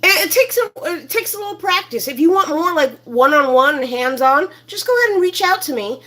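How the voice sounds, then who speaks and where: A slightly high-voiced woman walks through a recipe in her home kitchen. She talks in a chatty, rambling way with plenty of fillers as she hosts her own cooking show. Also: expressive, a little fast, pushed and bright. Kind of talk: casual cooking demonstration.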